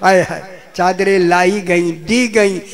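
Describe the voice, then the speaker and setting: A man's voice: high voice, fairly even intonation, takes it slowly. A man from Pakistan, delivering a mourning sermon at a live gathering, with cries of grief and Arabic recitation. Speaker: zakir at a majlis.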